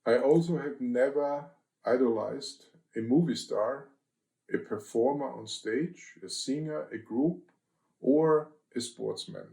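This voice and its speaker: A man's voice: mid-range voice, slow pace, gravelly, warm tone, reverberant, poor audio. An older man from Austria, a guest in an interview, answering in terse, clipped, list-like phrases.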